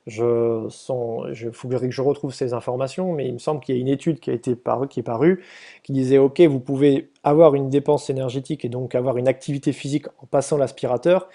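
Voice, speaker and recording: Homme, présentation de diapos, ton explicatif et détendu, voix rocailleuse, hésitations fréquentes. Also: male voice, mid-range voice, steady tone, brisk, mellow. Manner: hesitant, many fillers and restarts; casual explanatory tone. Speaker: presenter briefing volunteers. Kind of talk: explanatory slide presentation.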